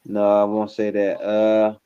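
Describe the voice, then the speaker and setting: Chill guy on a podcast, mellow voice, muffled lo-fi sound. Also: on the low side, completely flat delivery, measured pace, clear, resonant tone. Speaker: podcast co-host. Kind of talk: casual chat. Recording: dull, lo-fi sound.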